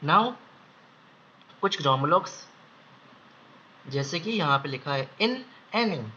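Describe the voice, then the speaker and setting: Slow, bright-voiced shorthand teacher. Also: male voice, a little high, expressive. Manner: slow, repeats each word several times while drawing outlines. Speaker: shorthand instructor. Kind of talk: step-by-step lesson. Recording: slightly dull audio with faint background hiss.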